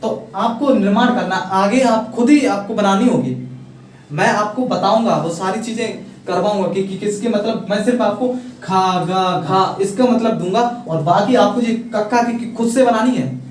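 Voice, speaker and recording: Male teacher, high voice, recorded from afar, drills letters out loud and asks whether the class is following. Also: normal speed, slight background noise. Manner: repetitive, drills letters aloud, checks on students. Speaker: English teacher. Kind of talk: classroom lesson explaining spelling. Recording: far-off echoey room with faint ambience.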